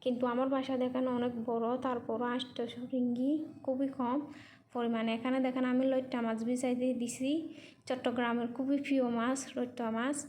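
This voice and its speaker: High, even-toned woman speaking non-native Bengali. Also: brisk, a little hiss or hum. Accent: non-native Bengali with Chittagong regional influence. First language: not Bengali. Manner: repeats and rephrases in simple words. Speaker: vlogger and mother living in Malaysia. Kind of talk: casual vlog voice-over.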